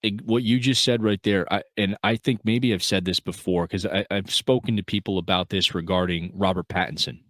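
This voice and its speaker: A man's voice: low voice, steady tone, brisk, few pauses, no echo. A man co-hosting a film podcast, talking in an earnest, rambling way with lots of fillers and restarts. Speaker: podcast co-host. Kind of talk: casual film review chat.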